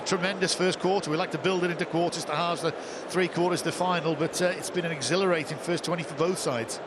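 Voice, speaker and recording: A man's voice: a little high, steady tone, fast. A man giving live rugby co-commentary, chatty and opinionated, with homely sayings, in a cold outdoor stadium. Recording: commentary over loud stadium crowd and noise.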